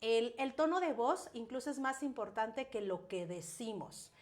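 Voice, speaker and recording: A woman speaking as a parenting specialist in a casual conversation, animated, acting out scolding parents and children. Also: a little high, unhurried.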